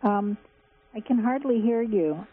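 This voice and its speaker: A woman's voice: on the high side, expressive, unhurried, slightly rough. A woman in her seventies calling into a radio show, chatty and detailed. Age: 70s. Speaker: caller. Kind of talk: phone-in question. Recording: tinny phone line with faint hum.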